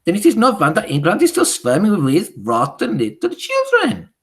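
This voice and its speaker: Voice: mid-range voice, wildly swooping pitch, moderate pace, voice pushed up. A reader voicing a tiny, furious female witch leader who screeches and speaks with odd foreign-sounding grammar, in an audiobook. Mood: raging. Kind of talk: audiobook character voice.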